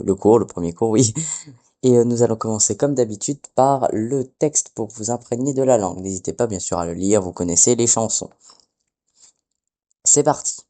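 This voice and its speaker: A man's voice: on the low side, dark tone. A man giving a casual spoken lesson as a teacher, hesitant and often correcting himself mid-phrase. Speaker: Latin teacher.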